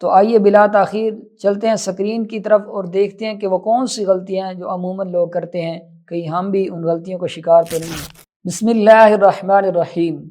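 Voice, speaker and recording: Guy with a high voice going over tajweed, quick explaining then stretches out the recited words real slow. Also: fairly even intonation, mellow. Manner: switches between brisk explanation and slow, drawn-out recited words; measured, instructive. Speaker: Quran recitation teacher. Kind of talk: tajweed lesson.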